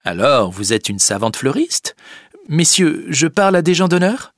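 A man's voice: a little high, sing-song, normal speed, dry recording, studio quality, voice pushed up. A man voicing a polite society president in a storybook reading, formal and questioning. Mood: inquiring.

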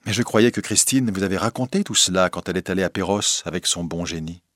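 A man reading a storybook, voicing an anxious young nobleman who speaks in a hushed, gloomy way. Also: low-pitched, quick pace, dry recording, studio quality. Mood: troubled.

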